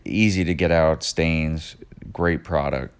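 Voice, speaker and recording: A man narrating a behind-the-scenes video of his detailing shop's work in a self-described monotone, with frequent "uh" fillers. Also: a bass voice, takes it slowly, smooth. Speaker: detailing shop owner narrating. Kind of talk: voice-over narration of work footage.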